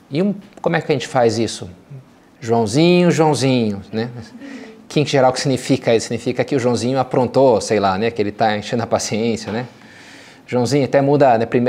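A male priest leads a spoken meditation in a voice of ordinary, middle pitch. His tone is relaxed and conversational, full of little asides and tag questions, as if he is talking things over with his listeners. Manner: opens with slow prayer, then explains in a chatty, conversational way.

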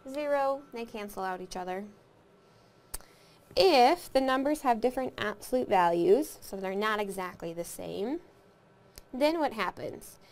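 A woman's voice: fairly high pitch, lively intonation, a little slow, a little mellow. A woman teaching a recorded math lesson, explaining step by step, counting aloud and asking the class questions.

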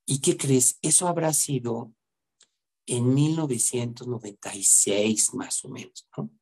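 A middle-aged man, a therapist earnestly telling a story from his practice and often pausing to seek agreement. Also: medium pitch, a little mellow, slightly rough. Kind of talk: storytelling talk.

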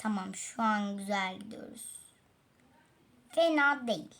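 Recording on a tablet, a gaming channel host chats casually with viewers during a let's-play, laughing off her fails and sighing each time she falls again. Her medium-pitched voice is expressive, unhurried, and fairly bright.

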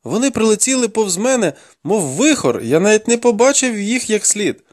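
A frightened young soldier who ran from battle, as a male reader puts him on, his voice pitched high and strained as he pleads and cries out. The delivery lurches with animated rises and falls, recorded close and dry. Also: normal speed, no echo. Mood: pleading, terrified. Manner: desperate, begging, crying out. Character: terrified young male army deserter, pleading.

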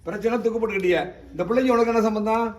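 A man's voice: high voice, rapid-fire, darkish tone. A man with a Tamil Nadu accent leading an exorcism ritual, questioning the spirit sharply and giving commands, recorded from a distance in an echoey room with faint background noise. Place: temple shrine.

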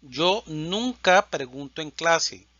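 A man teaching Spanish, reciting verb conjugations in a slow, deliberate drill and stressing each verb form. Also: a little high, animated, sharp tone, no room sound, highs cut off.

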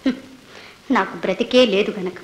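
ఒక నటి చేసిన నిరాశ చెందిన యువ భార్య. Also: female voice, mid-range voice, moderate pace, close to an everyday voice. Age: young adult. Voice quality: quiet, bitter, resigned. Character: young weary resigned second wife. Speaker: witness in court. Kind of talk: 1970s Telugu film acting. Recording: echoey old film soundtrack with music.

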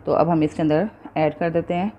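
Lady doing a cooking tutorial, lowish mellow voice, patient step by step, bit of background hiss. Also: fairly even intonation, brisk. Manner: patient, explains each step, checks in with viewers. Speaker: cooking show host.

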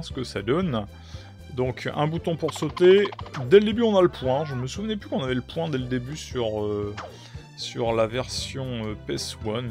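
Young guy streaming a game, gravelly voice, chats with viewers, lots of uh, music faint behind. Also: medium pitch. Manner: chatty, greets chat viewers, many fillers. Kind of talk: live game stream commentary.

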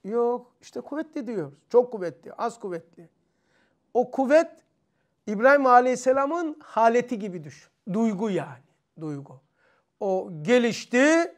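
A man giving an informal religious lesson to a group of teenage students. He keeps asking them questions and acts out blows and shouts with sound effects. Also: very high voice, moderate pace. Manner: lively, questioning the students, acting out strikes with sounds. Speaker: religious teacher.

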